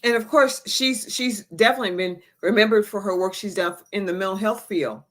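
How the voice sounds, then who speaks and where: A woman co-hosting a talk show, speaking in a measured way with formal phrasing. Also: mid-range voice, fairly bright tone. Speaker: co-host. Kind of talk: casual talk show chat.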